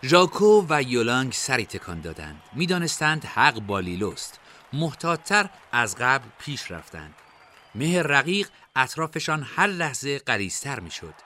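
A man narrating a scripted storybook in an expressive reading style. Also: mid-range voice, a faint crowd, slight background noise.

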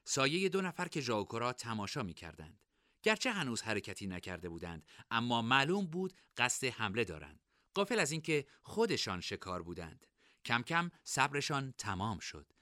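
Lively, bright-voiced male storyteller. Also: medium pitch, no room sound, studio quality. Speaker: narrator. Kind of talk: scripted story narration.

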